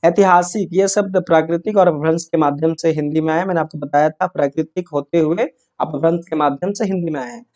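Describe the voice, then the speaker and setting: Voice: mid-range voice, fairly even intonation, a little fast, hardly any pauses, darkish tone, highs cut off. A teacher giving an exam-prep grammar lesson, asking questions and answering them, checking in with short tags. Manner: repeats key points and checks with "है ना" and "yes or no".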